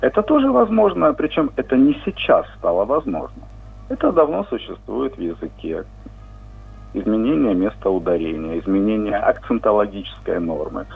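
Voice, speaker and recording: A man's voice: lowish voice, sing-song, creaky, slightly rough. A man, a linguistics professor, calling in to a radio show and explaining a point at length with frequent hesitations. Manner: measured, lecturing with many hesitations. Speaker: linguistics professor, phone guest. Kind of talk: radio phone interview. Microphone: phone. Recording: tinny phone line with faint music.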